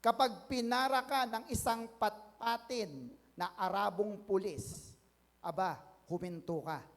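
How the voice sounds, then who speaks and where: A Filipino man preaches with a high voice, drawing amens from the congregation and swelling into loud, stretched declarations. His voice rings through a long hall reverb. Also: slow pace. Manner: mixes English into preaching, calls for amens, builds to loud declarations. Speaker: pastor. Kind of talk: sermon.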